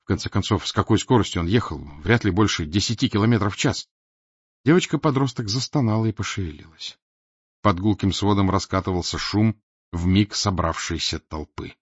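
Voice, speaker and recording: A man reading an audiobook aloud in an expressive, dramatic narration style. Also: lowish voice, a little fast, breathy edge, dry recording. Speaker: audiobook reader. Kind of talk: scripted narration. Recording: dull dry lo-fi recording.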